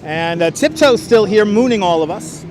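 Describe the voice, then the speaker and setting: A man's voice: sits high, expressive, moderate pace, noisy background. A man hosting a live walking stream outdoors on a city street. He talks casually on a clip-on wireless mic, chuckles often and chats with viewers. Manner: chatty, reads chat aloud, chuckles often. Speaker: livestream host.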